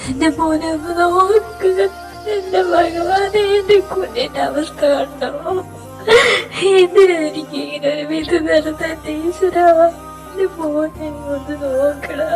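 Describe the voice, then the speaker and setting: A woman's voice: very high voice, steady tone, takes it slowly, a little mellow, recorded from a distance, soft background music. A woman voicing a mother wailing and crying out over her son in a fan audio drama.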